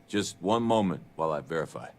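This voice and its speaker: A man's voice: rumbling low, lively intonation, a little fast, full character voice. A man playing a nervous, hesitant new archive clerk in a video game, politely flustered and eager to please. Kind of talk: video game character dialogue.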